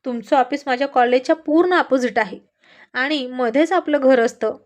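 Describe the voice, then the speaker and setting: A woman's voice: high voice, moderate pace, close to an everyday voice. A woman voicing a lazy college-age daughter who complains and pouts, read as part of a spoken story. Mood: complaining. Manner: complaining, whiny.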